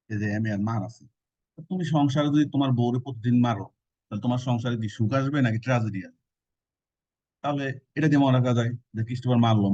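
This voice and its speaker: A male teacher talks students through an exam-prep lecture, leaning on jokey memory tricks. His voice is mellow and dark. It is captured on a dull, lo-fi recording with a dry sound. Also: mid-range voice, dry recording. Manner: colloquial, explains with joking memory tricks.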